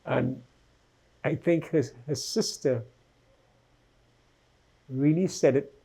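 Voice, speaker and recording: A man's voice: fairly high pitch, takes it slowly, gravelly, dark tone, husky. A man giving a vivid personal account in an interview, acting out the voices he quotes.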